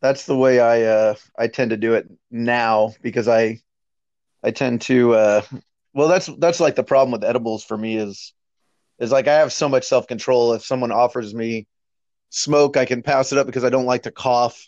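Heard over a dull, lo-fi speakerphone line with a dry sound, a man talks casually as a guest on a podcast, wandering off and restarting sentences. His voice is mid-range, steady, moderately paced and a little mellow.

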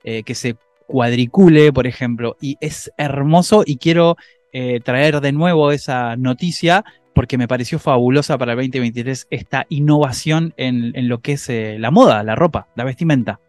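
A man with an Argentine accent co-hosting a casual tech podcast, animated, his voice jumping up when excited. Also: mid-range voice, moderate pace, soft background music. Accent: Argentine Spanish. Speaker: podcast co-host.

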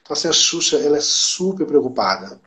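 A man with a Brazilian Portuguese accent, his voice sitting a bit higher than most men's. He talks in a casual, excited way, repeating words for emphasis and acting out the lines of other people as he tells his story. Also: quick pace. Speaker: podcast guest. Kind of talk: casual chat.

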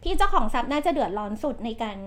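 High-pitched woman host, blunt and slangy, laughing a lot while giving advice. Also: very animated, rapid-fire. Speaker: podcast host and real estate agent. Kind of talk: casual advice chat.

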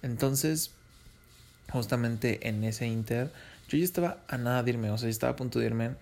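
A man's voice: mid-range voice, normal speed, gravelly, darkish tone. A young Mexican man with a Mexican Spanish accent, rambling through a slangy, casual story. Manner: slangy, rambling, laughs between lines.

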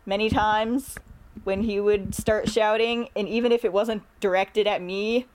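A woman at a middle pitch joins a friend's podcast as a guest. She talks in a thoughtful, unhurried way and laughs softly now and then. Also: steady tone, a little hiss or hum. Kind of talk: casual chat.

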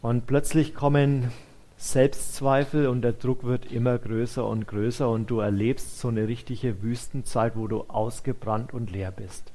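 A man's voice: mid-range voice, darkish tone. A male pastor preaching a sermon, addressing listeners directly with rhetorical questions.

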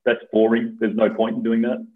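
A man interviewing a musician, asking quick, chatty questions. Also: medium pitch, monotone. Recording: tinny phone-like line.

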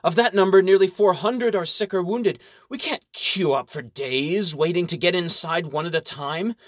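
A blustering English baron with no patience, barking out scorn and orders in a raised, loud voice, as a male narrator puts him on. The voice sits higher than the narrator's own and carries a dry, close sound with no room around it. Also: moderate pace, no echo, close to an everyday voice. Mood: indignant. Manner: brusque, barking.

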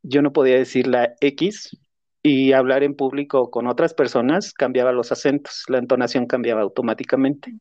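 A man who is a podcast co-host and therapist tells personal stories in a reflective, self-deprecating way. His mid-range voice is a little mellow, with fairly even intonation and a moderate pace, on a lo-fi recording with no room sound.

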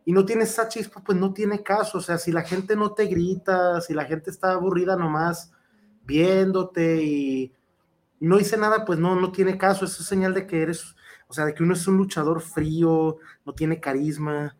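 Mexican wrestler guy, kinda high voice, rambles a lot with fillers, earnest. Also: fairly even intonation, moderate pace. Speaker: professional wrestler. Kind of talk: conversational interview answers.

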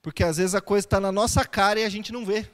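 A man's voice: high-pitched, fairly even intonation, fast, long reverb tail. A man, a pastor, preaching a conversational sermon in a church and posing rhetorical questions to his listeners.

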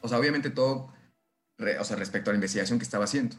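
A man's voice: on the low side, rapid-fire, faint music behind. Man, scientist, casual podcast chat, enthusiastic, rambling, agreeable. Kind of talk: casual conversation.

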